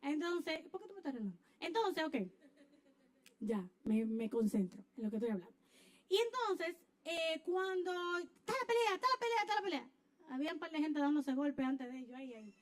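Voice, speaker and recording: A woman preaching a sermon, telling a personal story with lively acted-out scenes and sudden shouts. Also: high voice, a little fast. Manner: animated storyteller, acts out scenes, bursts into shouts. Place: church.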